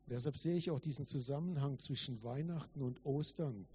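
A man's voice: medium pitch, a little fast, darkish tone, highs cut off, slight background noise. A man preaching a Christmas sermon in an earnest, emphatic way with repetition for stress. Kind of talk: Christmas sermon with read-aloud story.

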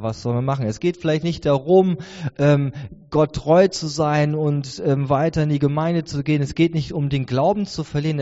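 A man's voice: a little high, mellow. Earnest preacher man in a reverberant hall. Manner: earnest, conversational preaching with many restarts. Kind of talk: sermon. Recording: dull sound with long hall reverb.

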